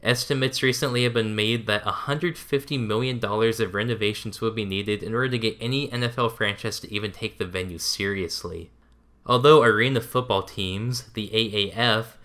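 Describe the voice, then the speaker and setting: A man reading scripted documentary narration in an even, measured way. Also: on the low side.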